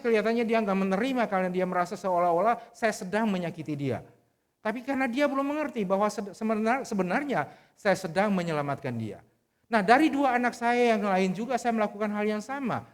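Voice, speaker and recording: A man's voice: high voice, animated, a little fast. A middle-aged man preaching a sermon, telling a personal story in an earnest, conversational way with frequent restarts. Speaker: pastor. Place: church service.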